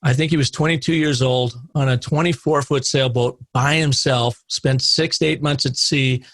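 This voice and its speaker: A middle-aged man telling an anecdote as a podcast guest, lively, acting out the dialogue in it. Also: medium pitch, normal speed, no room sound. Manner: animated anecdote teller, acts out quoted dialogue. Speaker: guest, storytelling consultant. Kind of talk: podcast interview storytelling.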